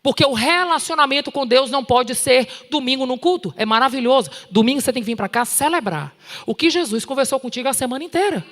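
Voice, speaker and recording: A woman with a Brazilian Portuguese accent preaching at a conference in an animated, direct, scolding way, with touches of humor. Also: high voice, fast talker. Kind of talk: sermon. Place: large church hall. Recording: long hall reverb.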